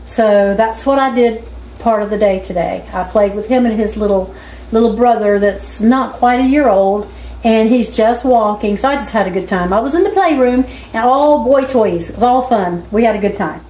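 Cooking and chatting casually at home, this woman speaks at normal speed in a higher voice with a dark tone. Her camera is a few feet away in a roomy indoor kitchen, where frying and sizzling from the pan fill the background.

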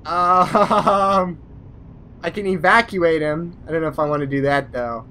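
Let's play host, bright voice, rambling, self-mocking casual commentary. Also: medium pitch, steady tone, unhurried, slight background noise.

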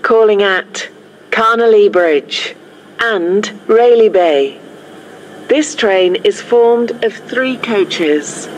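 A woman giving an automated train and platform announcement in a deliberate announcer delivery. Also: mid-range voice, slight background noise, low-quality recording.

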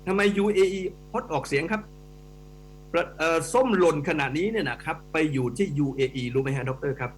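Middle-aged male economics guest, animated and emphatic, slightly high voice, radio studio with faint hum. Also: brisk. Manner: animated, emphatic explainer who addresses hosts directly. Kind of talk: radio talk show commentary.

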